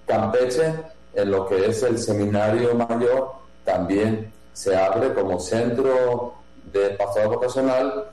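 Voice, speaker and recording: A man from Jalisco, a priest who runs a seminary, answering interview questions slowly, with many pauses, fillers and restarts. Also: on the low side, warm tone. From Mexico, Jalisco. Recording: echoey room with mains hum.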